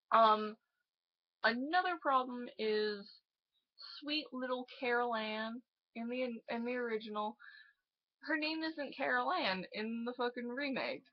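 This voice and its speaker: A woman's voice: fairly high pitch, dry recording, muffled recording. Profane, ranting teenage girl. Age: late teens. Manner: profane, exasperated, laughs often. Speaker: movie reviewer. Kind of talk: casual ranting review.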